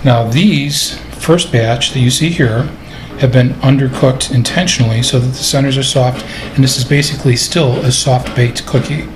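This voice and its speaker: A man giving a relaxed, step-by-step cooking lesson over his video, explaining each move in a home kitchen. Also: medium pitch, normal speed, echoey room, poor audio. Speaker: cooking instructor.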